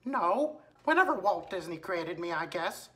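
A man's voice: high-pitched, sing-song, a little slow, pushed and bright, faint music behind, full character voice. A man doing a goofy Mickey Mouse voice. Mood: sheepish. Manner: sheepish, evasive, playfully silly. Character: cheerful male cartoon mouse. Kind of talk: prank voice on game voice chat.

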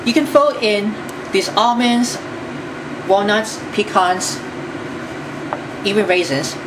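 A woman's voice: medium pitch, slow. A woman hosting a home cooking demonstration, talking step by step through each ingredient in a chatty, repetitive way. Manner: step-by-step, chatty, repeats phrases. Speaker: cooking show host. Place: home kitchen. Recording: distant mic, loud room noise.

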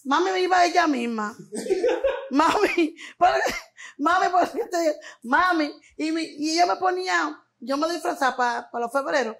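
A woman's voice: extremely high pitch, moderate pace, gravelly, fairly bright tone, rough recording. A Dominican woman with a Dominican Spanish accent, a guest in an interview, telling stories expressively with laughs and acted-out quotes. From Dominican Republic. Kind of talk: animated storytelling chat.

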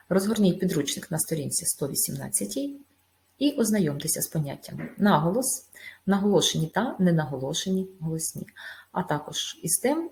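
Lower-voiced woman teaching a measured video lesson. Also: gravelly, darkish tone. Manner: measured and explanatory, with small hesitations. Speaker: school teacher.

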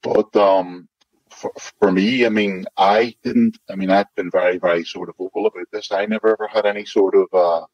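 A man's voice: fairly even intonation, moderate pace, darkish tone, no room sound. A man from West in his fifties, speaking as a remote interview guest through a voice-altering disguise, rambling and padding with "like, you know". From Northern Ireland, West Belfast. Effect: voice altered to disguise identity, deep and muffled. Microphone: remote secure connection. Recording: lo-fi disguised call audio.

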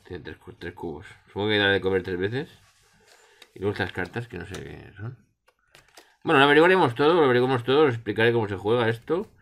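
A man's voice: fairly low pitch, a bit bright. A middle-aged man with a Spain Spanish accent casually explains game rules in a rambling, colloquial way. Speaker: board game reviewer. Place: small room indoors. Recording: roomy echo.

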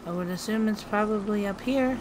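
Young gamer girl talking over her game, kinda crackly voice, gets excited, noisy background. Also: medium pitch, fairly quick. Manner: chatty and excitable, laughing at her own misses. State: slightly crackly voice. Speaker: gaming streamer. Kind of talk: casual let's-play commentary.

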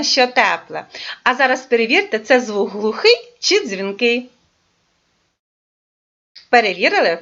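A woman's voice: on the high side, a bit bright. A woman teaching a lesson to young children, coaxing them along and drawing out her words. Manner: sing-song, coaxing, drawn-out words. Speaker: preschool teacher. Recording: dull lo-fi recording.

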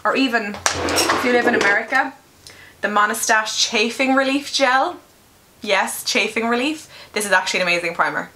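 A young beauty vlogger chats casually through a makeup tutorial, candid and quick to swear, sounding a little nasal from a cold. Her voice is a little high with a sharp tone, and the camera recording from her small bedroom picks up slight background noise.

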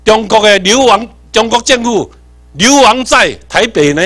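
A man from Tainan with a Taiwanese accent, giving an animated workshop lecture, quizzing the audience and swinging between emphatic and muttered asides. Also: high-pitched, normal speed. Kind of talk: seminar lecture mixing Hokkien and English terms.

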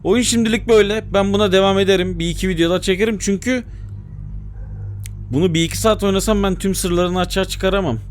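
A young man giving excitable let's-play commentary, muttering to himself and bursting into shouts. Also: sits high, fast talker, a little hiss or hum. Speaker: gaming YouTuber.

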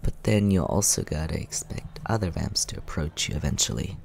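A heavily acted, animated Scaramouche, the deep, creaky, suave vampire, is performed by a man in a soft ASMR roleplay for the listener, with slight background noise. He remains relaxed and explanatory, low and soft in voice, teasing and smooth without hurrying.

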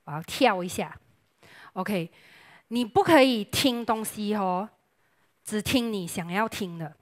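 A young woman preaching a lively sermon with jokes, chatty and playful, dropping English words into her talk. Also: medium pitch, measured pace.

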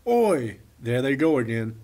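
A man voicing a bossy twelve-year-old big brother, lively and teasing, in a storybook reading. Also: medium pitch, measured pace.

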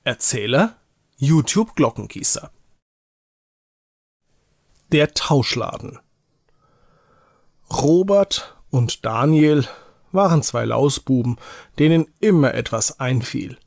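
A man reading an Advent story for small children aloud, slowly and with care, in a home recording. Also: mid-range voice, animated, creaky, darkish tone, no room sound, studio quality.

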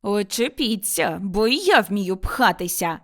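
A woman's voice: medium pitch, lively intonation, a little slow. A woman reading an audiobook, voicing a stubborn young daughter-in-law who answers back curtly and defiantly. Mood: shouting. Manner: curt, defiant, retorting. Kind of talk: audiobook character voice.

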